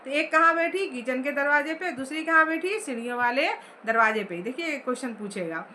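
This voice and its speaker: A woman's voice: high voice, animated, a little fast, sharp tone, slight background noise. A woman teacher explaining a story chapter line by line, asking the class questions as she goes.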